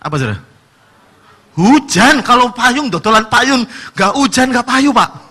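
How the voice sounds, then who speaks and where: A male pastor preaching a sermon, telling stories and acting out the people in them, his voice swinging between soft asides and loud exclamations. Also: very high voice, sing-song, a little slow.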